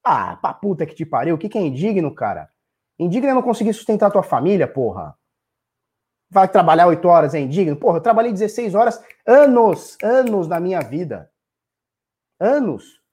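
Blunt, husky Brazilian man ranting. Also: high voice, big pitch swings, fairly quick, a little mellow. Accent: Brazilian Portuguese. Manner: blunt, swears freely, repeats points for emphasis. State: tipsy. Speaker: live streamer answering chat. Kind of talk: casual profane rant.

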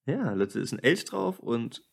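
His mid-range voice is sing-song and creaky, and he speaks a little slowly. At home in his apartment, this male podcast host keeps things chatty and jokey as he talks to listeners, his voice showing some wear from a day spent talking.

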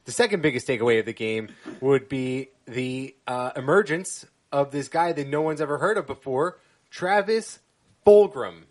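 A man's voice: mid-range voice, moderate pace. A man co-hosting a casual sports podcast, listing details and cracking dry jokes. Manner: analytical, wry. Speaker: podcast co-host.

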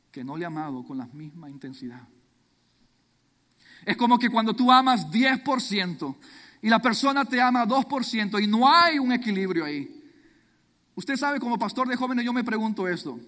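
A man's voice: high-pitched, big pitch swings, moderate pace, pushed and bright, big-room sound. A man, a youth pastor, preaching a sermon with dramatic storytelling.

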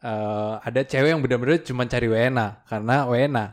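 A young man from Korea chats casually as a guest, speaking softly and haltingly. His pitch sits in an ordinary middle range, and he often pauses and hedges before he answers. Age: young adult. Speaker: podcast guest. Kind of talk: casual chat.

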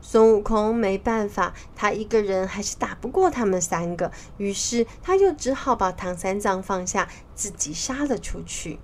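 A woman telling a children's story as a mother, in a lively, sing-song way with drawn-out endings. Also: medium pitch, a little hiss or hum.

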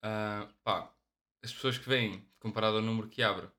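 A young man with a European Portuguese accent, co-hosting a podcast and telling stories in a relaxed way, often dropping an English "yeah". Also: on the low side, moderate pace. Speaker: podcast co-host. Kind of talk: casual chat.

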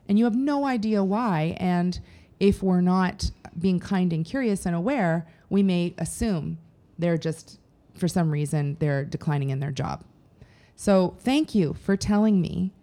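Middle-aged woman co-host, lowish mellow voice, lively and acts out quotes. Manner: animated, acts out quoted speech. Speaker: podcast co-host. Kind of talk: casual advice chat.

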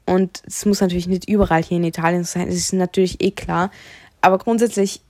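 A woman's voice: fairly low pitch, steady tone, fast talker, warm tone, no echo, studio quality. A young woman, talking frankly and chattily in a casual solo podcast monologue. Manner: frank, chatty, opinionated storytelling. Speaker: podcast host.

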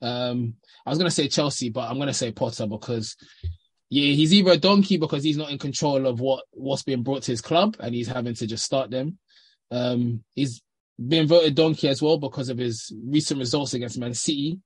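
A man's voice: medium pitch, normal speed, breathy edge, no room sound. A man with a London roadman accent chatting informally and slangily as a panellist on a football podcast. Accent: London, urban slang. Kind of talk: casual football chat.

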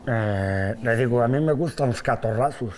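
A man's voice: medium pitch, moderate pace, a little mellow, lightly acted. A man playing a boastful old rural Mexican man who likes drinking and brawling, rambling in folksy slang with a Mexican accent. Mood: boasting. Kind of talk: improvised comedy character.

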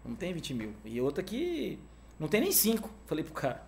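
A man telling a story in a casual interview, animated and peppered with "cara", acting out the other voices in it. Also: a little high, brisk, gravelly, a little hiss or hum. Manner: animated, fills talk with "cara", acts out quoted dialogue. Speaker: guest, music manager.

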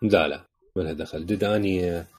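Iraqi male co-host, low husky voice, quick casual chat peppered with English. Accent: Iraqi Arabic. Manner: mixes in English words. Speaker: podcast co-host.

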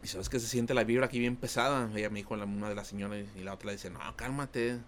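A man's voice: lowish voice, fairly even intonation, fast, fairly bright tone, slight background noise. A man with a Mexican Spanish accent telling an anecdote in a casual podcast chat, rambling with many fillers. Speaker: podcast co-host.

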